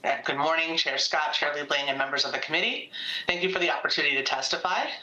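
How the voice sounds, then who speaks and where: A woman's voice: deep voice, quick pace, sharp tone. Woman testifying over an echoey video call. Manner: reads a prepared statement, with small stumbles. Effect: heard over a video call. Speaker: industry policy director testifying remotely. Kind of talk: formal prepared testimony.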